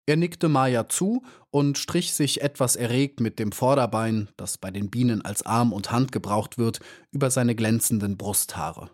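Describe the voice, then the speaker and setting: A man calmly reading a children's storybook as narrator. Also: mid-range voice, unhurried, hardly any pauses. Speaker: audiobook narrator.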